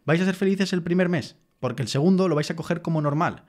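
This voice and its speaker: A man's voice: a little high, quick pace, darkish tone. A man with a Spain Spanish accent hosting his own podcast, talking frankly and earnestly in a personal monologue, swearing casually as he explains himself. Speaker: podcast host.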